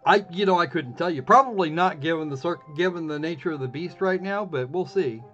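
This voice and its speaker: A man with a fairly high, fairly bright voice talks fairly quickly while streaming a visual novel, casual and sarcastic, often restarting his sentences. It's livestream commentary captured on a dull lo-fi stream mic, with faint game music behind him.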